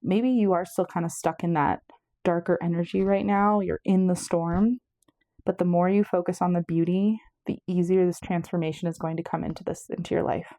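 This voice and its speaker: Mellow, low-voiced woman tarot reader. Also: fairly even intonation, moderate pace, no room sound, studio quality. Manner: chatty, meandering, self-correcting. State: slightly out of breath. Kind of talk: casual pick-a-card tarot reading.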